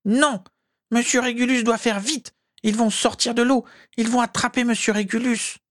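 A fretful old house-elf servant, voiced by a woman speaks in a creaky, grating voice, pitched above a plain adult's. He calls himself by name in the third person and begs his master, the whole time anxious and devoted, as in an audiobook character reading. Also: steady tone, normal speed, lightly acted. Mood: urgent.

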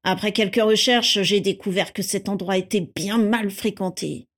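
A man's voice: high-pitched, fairly even intonation, normal speed, fairly bright tone. A woman voicing a cold, domineering older man who talks down to the family and makes threats. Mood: condescending. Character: cold domineering pure-blood patriarch. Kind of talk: audiobook character reading.

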